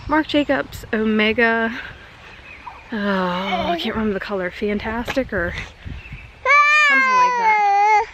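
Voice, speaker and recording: A woman's voice: mid-range voice, a bit bright, rough recording. A woman vlogging outdoors in a casual chat to her camera, rambling and correcting herself as she goes. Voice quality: rambling, chatty, self-correcting. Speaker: beauty vlogger. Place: outdoors, walking and at a backyard swing. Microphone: camera mic, handheld then on a tripod. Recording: outdoor noise behind the voice.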